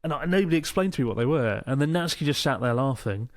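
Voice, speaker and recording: A podcast co-host, hurting from a strained arm muscle, tells animated stories in casual chat and swears freely. His mid-range voice moves fast. The clean studio sound has no echo.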